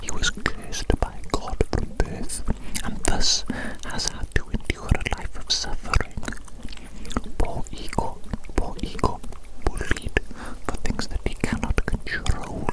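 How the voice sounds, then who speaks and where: In an ASMR roleplay, a woman whispers throughout as an evil genius scientist, speaking slowly on a rough recording. Her delivery is grandiose and theatrical, obsessively repeating words and phrases as if fixated on every experiment.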